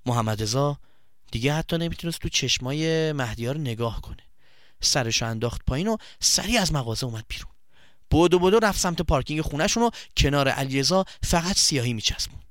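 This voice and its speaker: A man narrating a children's story in a calm, lowered storytelling voice. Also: no room sound, studio quality.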